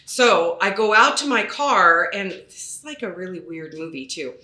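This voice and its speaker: A woman real estate agent telling a story in a panel chat, animated and acting out her own quotes. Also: on the low side, moderate pace. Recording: roomy echo.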